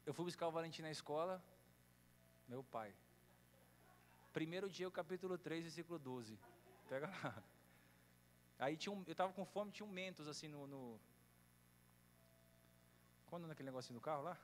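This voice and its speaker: A high-voiced man from Brazil preaches in a church hall, his voice ringing with a long echo. He tells stories and acts out the other people's lines, while a faint hum runs underneath. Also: expressive, moderate pace, pauses often. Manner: storytelling, acts out dialogue with mock voices. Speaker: bishop preaching. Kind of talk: sermon with humorous anecdotes.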